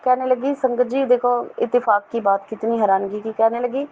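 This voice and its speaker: A middle-aged woman from Jammu earnestly telling a devotional testimony, often pausing to address her listeners respectfully. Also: a little high, fairly even intonation. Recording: dull lo-fi recording with faint noise.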